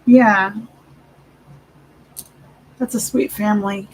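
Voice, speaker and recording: A person chatting casually and haltingly, trailing off mid-thought and switching between English and Spanish. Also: mid-range voice, fairly even intonation, slight background noise, rough recording. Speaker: livestream host of an inking session. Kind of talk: casual chat.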